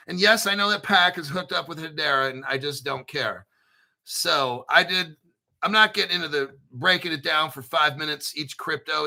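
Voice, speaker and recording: A crypto channel host runs a casual livestream chat, speaking bluntly and profanely and rambling with restarts. His fairly high voice is creaky and bright, with a forceful tone.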